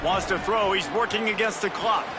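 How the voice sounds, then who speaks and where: High-pitched American man making touchdown calls. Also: a little fast, very noisy. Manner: excited touchdown calls, rising on big plays. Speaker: play-by-play football commentator. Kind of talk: live American football play-by-play commentary. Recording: loud music behind commentary. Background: loud music.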